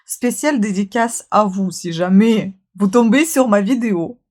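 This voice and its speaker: A woman's voice: medium pitch, normal speed, a little mellow. A tired woman vlogger chatting casually, rambling with many fillers and restarts. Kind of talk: casual vlog chat.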